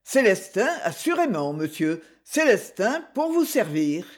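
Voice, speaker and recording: Reader doing a plump gentleman, grave and solemn, ceremonious politeness, lively, somewhat raised pitch, breathy tone. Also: unhurried. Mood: earnest. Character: plump, candid man, grave and formal.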